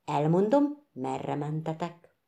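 A woman voicing a kindly, self-assured frog prince who plays host, calm and measured, in a storybook reading. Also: sits low, gravelly, heavily acted. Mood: friendly.

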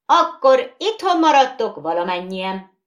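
A storybook bogeyman who speaks down to everyone in a lofty, matter-of-fact way, as a woman puts him on. The voice stays a little above the reader's own and somewhat louder, with a lively lilt. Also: medium pitch, pitched above the performer's own voice, close to an everyday voice. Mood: furious. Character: gallant, condescending male bogeyman.

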